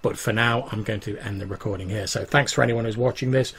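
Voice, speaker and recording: Male game master, low creaky voice, improvised tabletop narration, halting descriptions. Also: fairly even intonation, a bit bright.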